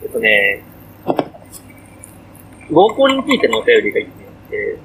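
Rambling young man, lively pitch. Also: moderate pace, slight background noise, poor audio. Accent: Kansai. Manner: rambling, self-deprecating, slips into Kansai dialect. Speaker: podcast co-host. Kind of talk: casual chat on a livestream.

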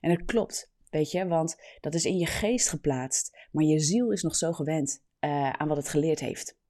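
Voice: medium pitch, moderate pace, darkish tone. A preacher giving an earnest, explanatory sermon, often adding a questioning tag to sentences.

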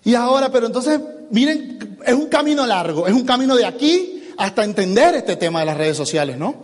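High-voiced man in a reverberant hall. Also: brisk. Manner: animated, acts out dialogues. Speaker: business speaker. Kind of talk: motivational seminar talk.

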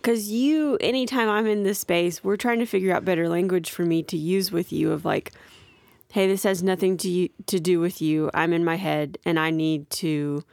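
A woman's voice: lowish voice, fairly even intonation, moderate pace, vocal fry, a little mellow, no echo. A young woman co-hosting a podcast, talking candidly and reflectively with her husband, sometimes teasing him. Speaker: podcast co-host. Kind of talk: casual conversation with spouse.

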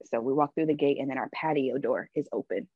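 A woman's voice: a bass voice, fast talker, breathy edge, no echo, highs cut off. A woman guest on a podcast, telling a personal story in a candid, emphatic way, often adding "like" and "right?".

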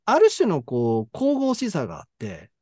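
Kansai man, podcast co-host, lively swinging delivery, dry close mic. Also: fairly high pitch, moderate pace, no room sound. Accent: Kansai Japanese. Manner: animated storyteller, reads passages aloud. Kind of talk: casual book chat.

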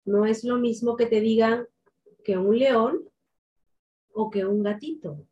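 Woman speaking coach, slightly high voice, unhurried, precise diction, instructional. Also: dark tone, muffled recording. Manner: slow, deliberate, clearly articulated delivery. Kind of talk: instructional tips to camera.

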